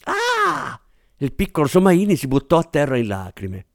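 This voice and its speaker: Male audiobook narrator, lively and varied intonation, dramatic delivery, dry close recording. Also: medium pitch, a little fast, no echo. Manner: expressive, dramatic, does character voices.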